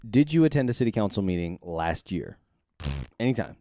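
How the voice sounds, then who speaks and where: Slangy low-voiced man in casual chat. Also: sing-song, fairly quick, dark tone, no echo, studio quality. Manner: slangy, bro-style talk.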